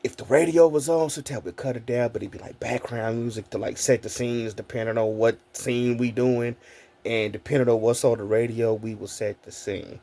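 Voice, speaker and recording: A man in his forties, a content creator, telling childhood stories in a casual, animated vlog. He talks straight to his viewers, laughs often and swears freely. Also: mid-range voice, fairly quick.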